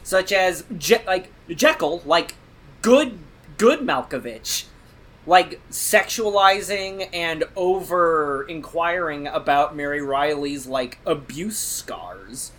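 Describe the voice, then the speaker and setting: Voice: mid-range voice, lively intonation, slow, fairly bright tone. A speaker on a movie podcast reading symbolism into a film, playful, often restarting sentences and filling with "like.". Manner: analytical but playful, self-correcting, many "like"s. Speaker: podcast co-host or guest. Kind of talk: casual movie-discussion podcast chat.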